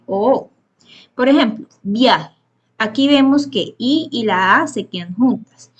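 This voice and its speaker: A woman's voice: a little high, highs cut off. A woman presenting a grammar lesson as a student presenter, explaining step by step with some hesitant fillers and self-corrections.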